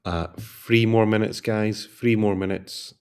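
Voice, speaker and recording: A man with a very low voice closes out a long livestream as a career coach. He sounds tired and yawns between thoughts, talking in a loose, rambling way and repeating his requests to like and subscribe. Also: steady tone, a little slow, darkish tone, clear, resonant tone. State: tired, yawning. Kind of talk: casual livestream chat.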